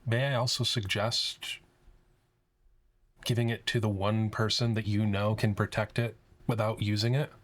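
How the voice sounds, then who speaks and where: A man voicing a calm, aloof woman seer of an inner circle who lectures in a measured way. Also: on the low side, close to an everyday voice. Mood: serene. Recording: music playing behind.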